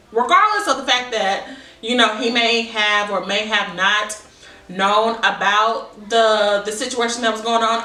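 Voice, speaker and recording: A woman's voice: medium pitch, bright, forceful tone. A young adult woman vlogger rambling in a casual, conversational chit-chat, thinking aloud. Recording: echoey room, distant mic.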